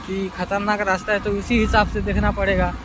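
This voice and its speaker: Outdoors on country roads and forest paths, a worn-out travel vlogger from Chhattisgarh talks briskly to his audience, whom he calls "guys." His voice sits high with little pitch movement, and the body-cam footage of his bike ride and hike has noisy surroundings.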